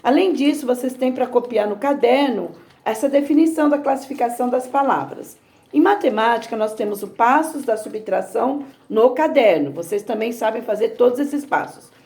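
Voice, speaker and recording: Brazilian woman, primary teacher, warm and mellow tone, exaggerated slow syllables for children. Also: fairly high pitch, vocal fry. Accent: Brazilian Portuguese. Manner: slow, exaggerated sounding out of words. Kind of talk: recorded lesson for young children.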